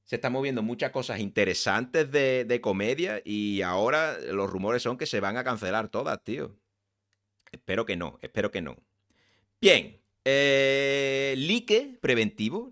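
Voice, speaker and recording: A man's voice: medium pitch, expressive, moderate pace, a bit bright, no room sound, clean studio sound. A man with an accent from Spain chatting casually and making wry asides while he reacts to a comedy show as a streamer. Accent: Spain Spanish.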